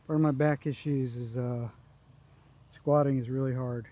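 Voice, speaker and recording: Low-key man giving mellow golf commentary. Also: fairly even intonation, normal speed. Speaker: amateur golfer recording his own round. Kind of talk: casual self-narrated golf commentary. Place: outdoors on a golf course.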